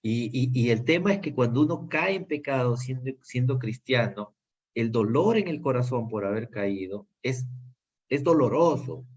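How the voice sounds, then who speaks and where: A man's voice: mid-range voice, expressive, normal speed, a little mellow, husky. A man with a Peruvian Spanish accent teaching a Bible class, earnest and full of fillers and restarts. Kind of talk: Bible study lesson. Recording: dull lo-fi sound.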